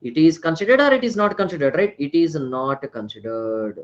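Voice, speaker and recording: A man with an Indian accent and a high-pitched voice teaches an online class. He repeats his points, often ending them with little check questions, and slips Hindi words into his English. The audio is a bit dull and lo-fi. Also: expressive, brisk. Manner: repeats phrases, frequently tags questions with right and na. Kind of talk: live online lecture with frequent check questions.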